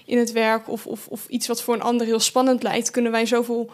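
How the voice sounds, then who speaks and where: A woman with a fairly high but level voice hosts a relaxed faith conversation. She chats freely, laughs at herself, and now and then loses her train of thought. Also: fairly quick. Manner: chatty, self-deprecating, loses her thread. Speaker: host, video marketer.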